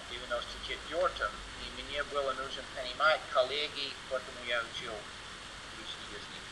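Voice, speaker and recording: An American man whose first language is English gives an informal conference talk in Russian, his second language, as a guest presenter. His mid-range voice halts and searches for words, with broken grammar. The audio comes from a noisy online seminar.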